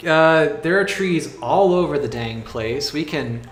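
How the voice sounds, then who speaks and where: A man working as game master, narrating a tabletop game casually and haltingly as he thinks aloud. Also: fairly high pitch, animated. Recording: echoey room, faint music behind.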